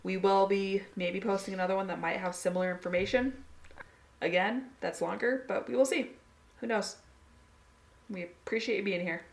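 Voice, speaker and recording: A woman's voice: mid-range voice, steady tone, moderate pace, vocal fry. A woman co-hosting a podcast, talking in a casual, conversational way. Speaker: podcast co-host.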